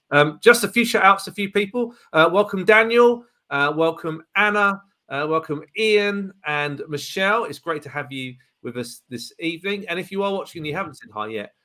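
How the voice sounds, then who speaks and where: A man hosting a live church chat show, talking loosely with plenty of fillers and laughs. His voice sits a touch high and sounds crisp and bright. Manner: chatty and upbeat, laughs easily, fillers. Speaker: podcast co-host. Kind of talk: casual live-stream chat.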